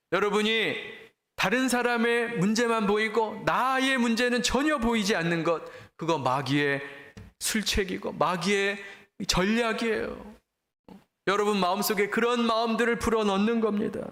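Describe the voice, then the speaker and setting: A senior pastor, a man, preaches in a high, ringing voice that carries through a roomy church hall. He talks straight to his listeners, pressing them with questions and urging them to look at themselves. The sound has the reverberant space of a sanctuary around it. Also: a bit bright. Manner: earnest, direct address to the congregation with rhetorical questions. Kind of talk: sermon.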